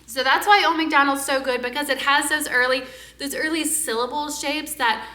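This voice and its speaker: Bright, high-voiced woman teaching parents. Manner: lively, exaggerated singing of nursery songs. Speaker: speech-language pathologist. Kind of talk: parenting tips with sung demonstrations. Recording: echoey room.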